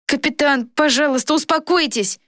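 A woman's voice: high-pitched, normal speed, fairly bright tone, no room sound, studio quality, pitched above the performer's own voice. A woman voicing a frightened young boy who talks in a breathless, stammering rush. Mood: pleading.

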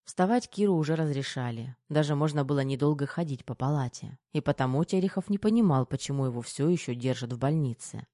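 Male romance audiobook narrator, calm and even, with a dark, mellow tone. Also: mid-range voice, quick pace, hardly any pauses, dry recording, clean studio sound.

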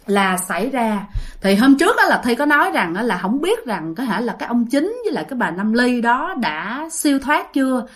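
A woman's voice: medium pitch, fairly bright tone. A woman with a Southern Vietnamese accent telling ghost stories in a chatty way, addressing her listeners directly. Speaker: ghost story narrator. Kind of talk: casual storytelling.

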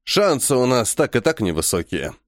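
A man's voice: mid-range voice, very animated, normal speed, no room sound, clean studio sound, close to an everyday voice. A man voicing a weary old alien chief, blunt and fatalistic. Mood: grim resolve.

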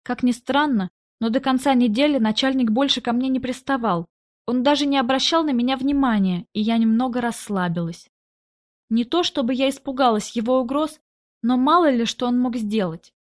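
Woman, fairly high voice, first-person audiobook narration, tense even storytelling. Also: moderate pace.

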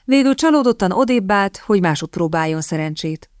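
A woman narrating a novel as an audiobook in a measured, even storytelling manner, recorded close on a studio mic. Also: medium pitch, clear, resonant tone, dry recording.

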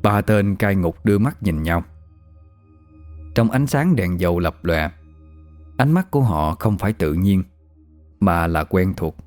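Low-voiced man narrating horror. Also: animated, darkish tone, no room sound. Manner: grave, measured. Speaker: storyteller. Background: faint music.

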